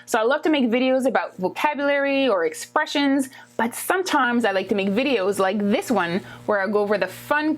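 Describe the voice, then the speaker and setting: A woman's voice: a little high, a little hiss or hum. Woman teacher with a Quebec French accent. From Quebec, Canada. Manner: informal, explanatory, often checks in with "okay?". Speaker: language teacher and video host. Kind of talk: conversational language lesson to camera.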